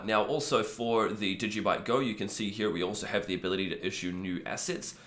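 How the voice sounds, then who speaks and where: A man in his thirties with a croaky, cold-affected voice, casually hosting a screen-share tutorial in an easygoing, informal way. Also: sits low, fairly bright tone. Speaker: video host. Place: small room indoors. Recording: echoey untreated room.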